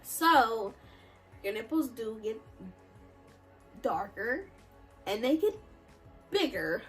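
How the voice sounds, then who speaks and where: A woman's voice: fairly high pitch, lively intonation, takes it slowly, faint music behind, low-quality recording. A young woman in her early twenties, talking candidly and with giggles to the camera at home in a casual vlog. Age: early 20s. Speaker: vlogger.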